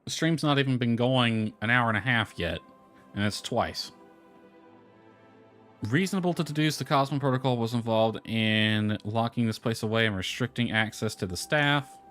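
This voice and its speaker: Over lo-fi background music, a man livestreaming a video game talks casually to himself and reads game text out loud. His voice is mid-range and a bit bright, moving at a moderate pace.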